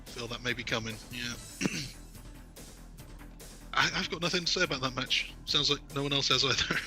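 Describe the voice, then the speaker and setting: A man co-hosting a wrestling podcast, chatting casually and laughing often in a relaxed, bantering way. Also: mid-range voice, normal speed, soft background music. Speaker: podcast co-host. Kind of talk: casual chat reviewing wrestling results.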